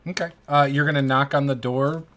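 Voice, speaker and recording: A man improvising narration as the game master of a tabletop game, halting and informal as he searches for words. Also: mid-range voice, steady tone, fairly bright tone, a little hiss or hum.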